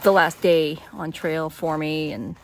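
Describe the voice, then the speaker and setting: Her voice is low-pitched, steady in tone, and unhurried, with vocal fry and a little hiss or hum in the audio. She's a thru-hiker vlogger in her fifties filming a casual trail vlog on a phone at arm's length, chatty and plain-spoken with many fillers and restarts, from a mountain meadow and later inside a small tent.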